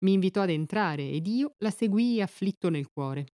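A woman narrator reading epic poetry aloud in a measured, steady, formal manner. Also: mid-range voice, dry recording, clean studio sound.

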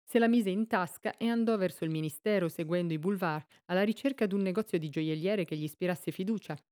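Woman reading a classic story aloud, lowish voice, steady and measured. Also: dry recording, clean studio sound. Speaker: reader. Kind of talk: scripted narration of a classic short story.

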